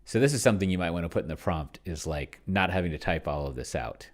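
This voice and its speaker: Speaking fast and with animation in a low register, this solo tabletop roleplayer and video host talks through his roleplaying game in casual commentary. He mutters, lets sentences trail away, and draws words out while typing on a computer keyboard that can be heard behind him.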